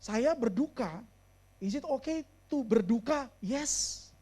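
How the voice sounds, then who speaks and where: An animated man who works as a pastor and therapist gives a sermon sprinkled with English phrases. He emphasizes points by slowing down and raising his volume, and he goes soft and low for weighty moments.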